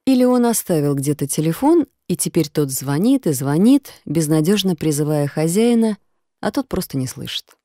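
A woman narrates an audiobook in calm, measured storytelling. Her voice sits low and warm and mellow. The recording is dry and close, with no room sound. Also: no echo.

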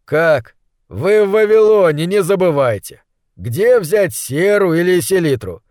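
A man's voice: fairly high pitch, lively intonation, a little slow, dry recording, studio quality. Man reading as a bitter exile from the future. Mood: scornful. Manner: insistent, then quiet and bitter. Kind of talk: audiobook reading.

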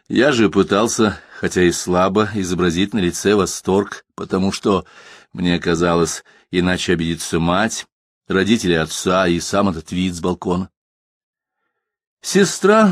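A man narrating a literary audiobook in a measured, expressive reading voice. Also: low voice, no room sound, clean studio sound.

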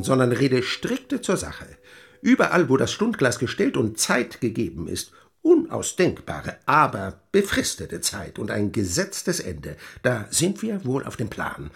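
An actor playing the Devil as a sly, mocking, smooth-talking tempter in a radio drama, theatrical and insinuating. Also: male voice, medium pitch, exaggerated voice. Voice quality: husky, breathy, creaky. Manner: theatrical, insinuating, wordy with mannered archaic phrases.

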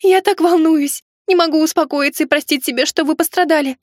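Woman narrator voicing a nervous young lady heroine, high, bright, exclamatory. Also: animated, moderate pace, no room sound, clean studio sound. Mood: anxious. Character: flustered young noblewoman heroine, frightened.

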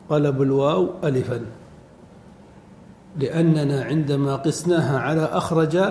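A middle-aged man teaching Arabic word forms in a classroom lecture, quizzing his students and repeating each form slowly. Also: fairly high pitch, mellow. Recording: echoey hall recording, faint background noise.

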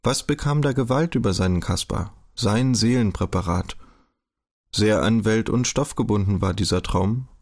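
Low-voiced male audiobook narrator. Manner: measured, even storytelling. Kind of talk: audiobook reading.

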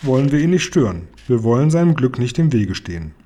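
A man's voice: medium pitch, big pitch swings, fairly quick, warm tone. A man voicing a polite, sensible young boy in a storybook, earnest in tone.

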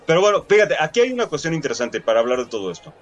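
A man's voice: on the high side, very animated, very fast, muffled recording. A man with a Mexican accent hosting a casual film discussion, slangy and mock-dramatic when he rants. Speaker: podcast host.

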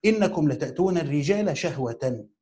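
A man's voice: on the high side, expressive, warm tone. A man with an Egyptian accent teaching a class, reading a commentary phrase by phrase, repeating key words and asking rhetorical questions. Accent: Egyptian Arabic. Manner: reads phrases slowly, repeats them for emphasis; asks rhetorical questions of his students. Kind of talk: classroom lesson reading and explaining a text.

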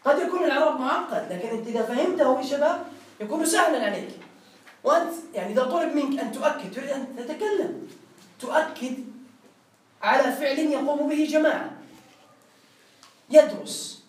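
A man's voice: very high voice, fast, long pauses, far from the mic. A man teaching a classroom grammar lesson, explaining step by step and quizzing his students. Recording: roomy classroom with faint noise.

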